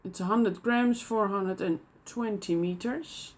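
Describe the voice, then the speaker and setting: With a Dutch accent and a mid-range voice, this Netherlands-born host does casual show-and-tell on her knitting podcast. Her speech is hesitant, full of pauses, fillers, and restarts.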